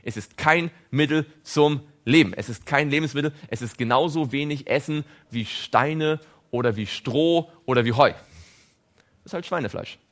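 A man preaching a sermon, animated, often putting questions to his listeners. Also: fairly high pitch, normal speed. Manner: animated, asks audience questions.

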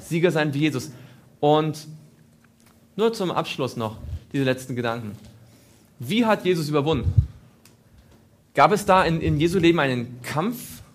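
A man's voice: fairly high pitch, expressive, moderate pace, pauses often. A man preaching a sermon, asking his listeners questions and repeating phrases for emphasis.

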